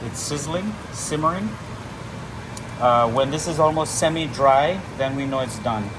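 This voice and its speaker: A vlogger with Trinidadian and Venezuelan roots chats casually with his viewers, addressing them directly as he cooks in his home kitchen. His voice sits in the mid-range and moves at a measured pace. The recording is reverberant, with background noise.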